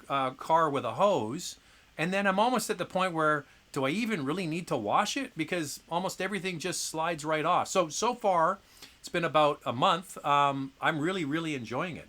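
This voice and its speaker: A man's voice: fairly high pitch, bright, forceful tone. A middle-aged man hosting a live car Q&A stream, chatting casually and rambling with fillers and restarts, with an occasional cough. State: occasional coughing from acid reflux.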